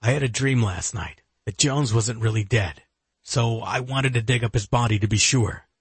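A man's voice: medium pitch, moderate pace, slightly rough, no room sound. A man doing a grave older father. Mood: earnest. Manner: grave, earnest. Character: older male retired agent, weary father.

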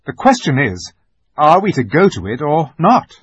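A man's voice: on the high side, sing-song, normal speed, slightly rough, dull audio, voice pushed up. Peter, a bold take-charge boy, read by a man. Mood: firm. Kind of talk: storybook reading.

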